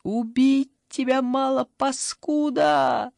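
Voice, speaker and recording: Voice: takes it slowly, creaky, no room sound, studio quality. The narrator voicing Tatyana, a furious young mother who screams and scolds in an audiobook. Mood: shrieking. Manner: shrill, screaming. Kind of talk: audiobook character voice.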